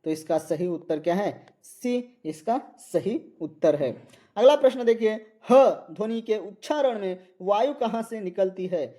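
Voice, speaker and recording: A man's voice: high-pitched, mellow. A man teaching a Hindi exam-prep lecture, reading out multiple-choice questions and repeating each answer.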